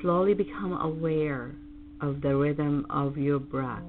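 A woman leading a guided meditation as host, in a calm, soothing, meditative tone. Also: low-pitched, slow pace, noisy background. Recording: dull lo-fi audio under loud music. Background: loud meditation music with singing bowls.

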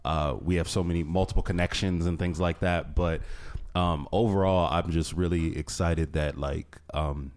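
A man hosting an interview, talking excitedly and rambling with lots of fillers. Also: low-pitched. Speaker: podcast host. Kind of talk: casual interview.

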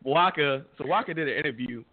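A man's voice: on the high side, fairly quick. A man co-hosting a casual podcast, a little sick and losing his voice, laid-back and slangy. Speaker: podcast co-host. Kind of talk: casual chat. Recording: dry phone-like sound.

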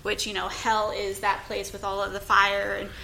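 A woman's voice: medium pitch, monotone, moderate pace, creaky, sharp tone, poor audio. A woman in a casual panel discussion, speaking in an informal, wry way. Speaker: podcast panelist. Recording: faint noise of live space.

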